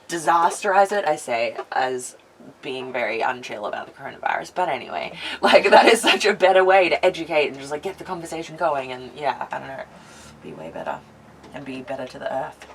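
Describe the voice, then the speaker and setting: Low, rambling Canadian woman co-host, upbeat and filler-heavy, with audible background noise. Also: rough recording. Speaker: podcast co-host. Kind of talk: casual chat. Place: home living room.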